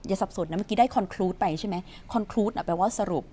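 A chatty woman teaches English from a news story, tossing quick questions at her viewers and answering them herself. She reads the English lines slowly, in a mid-pitched voice. A faint hiss sits under the recording. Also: warm tone.

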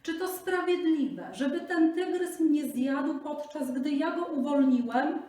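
A woman voicing a poor male Brahmin who begs for his life in a high, loud, imploring voice. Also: slow pace. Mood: pleading. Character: desperate pleading male Brahmin, a poor man. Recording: echoey room, distant mic, faint noise.

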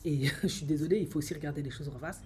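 A woman's voice: low-pitched, fast, darkish tone, faint music behind. A middle-aged woman coach giving her opinion to camera in a small room, with many hesitations and firm emphasis. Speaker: psycho-emotional coach and vlogger.

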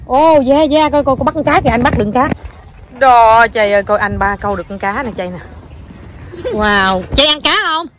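A woman's voice: on the high side, a little fast, background noise. A young woman with a southern Vietnamese accent, a mother talking in a casual family vlog, coaxing and cheering on her small child and mixing in English words.

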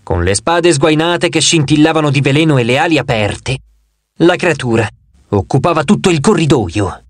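A man reading an audiobook in expressive scripted narration into a close studio mic. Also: on the high side, moderate pace, no room sound.

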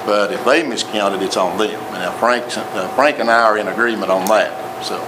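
A man with a Tennessee accent reports plainly to a city council, going back over his points as he explains. His pitch is fairly low, his intonation fairly even, and his speed normal; the noisy chamber recording, made on a table mic, includes an audience.

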